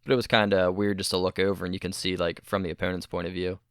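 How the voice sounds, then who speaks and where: A man's voice: low-pitched, flat delivery, fast, a bit bright, clean tone, no room sound, studio quality. A man co-hosting a casual gaming podcast, rambling and correcting himself as he talks, often laughing. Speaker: podcast co-host.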